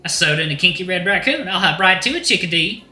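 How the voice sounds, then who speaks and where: Using a full character voice pushed up high, a man becomes a sassy, flamboyant rooster drag queen bar owner with an affected Southern American accent. Animated, quick, pushed and bright, he sounds folksy, effusive, sassy, and welcoming, tossing out terms of endearment. The sound is roomy, with faint music behind him.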